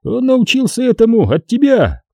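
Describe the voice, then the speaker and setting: A man's voice: high-pitched, very animated, unhurried, dark tone, dry recording, pitched above the performer's own voice, heavily acted. A man voicing a cold, sneering young male villain who taunts and threatens in an audiobook reading. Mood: mocking. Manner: mocking, threatening, hissing.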